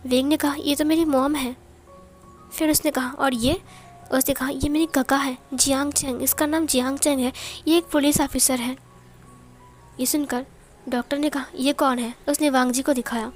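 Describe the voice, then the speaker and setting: A woman's voice: high voice, steady tone, moderate pace, soft background music. A woman narrating a romance fanfiction story, reading every character's lines herself in a lightly dramatic voice.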